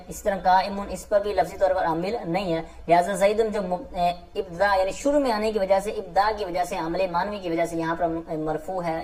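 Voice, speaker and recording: Patient woman teaching classical grammar. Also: mid-range voice. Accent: Pakistani Urdu. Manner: patient, repeats and restates each point with fillers. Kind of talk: explaining a classical grammar text.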